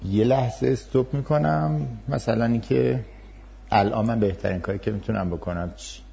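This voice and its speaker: A male university lecturer giving a class, calmly acting out patient, empathetic replies to a student. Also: mid-range voice, creaky. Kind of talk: class lecture with role-play demonstrations.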